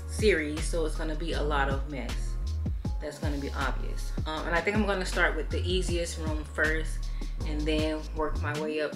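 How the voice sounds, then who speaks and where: A young woman casually walking through her apartment on camera, rambling with lots of fillers and restarts. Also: deep voice. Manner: rambling, filler-heavy, self-correcting. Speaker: home vlogger. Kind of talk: casual home tour narration. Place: small apartment, indoors.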